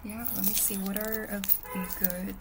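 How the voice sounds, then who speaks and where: Very noisy audio carries a young Shanghai woman's mid-range, gravelly voice, delivered flatly at a moderate pace. She hosts a casual livestream in which she chats, reads and answers viewers' comments, and often asks "okay?"; her first language is Chinese.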